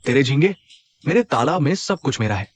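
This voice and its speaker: A man's voice: medium pitch, lively intonation, fairly quick, no room sound, lightly acted. A man voicing a swaggering, boastful village bully who taunts his rival in a dubbed drama. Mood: mocking.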